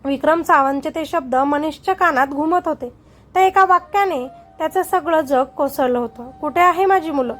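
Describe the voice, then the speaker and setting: A woman's voice: sits high, moderate pace, fairly bright tone. A woman storyteller giving dramatic, suspenseful scripted narration.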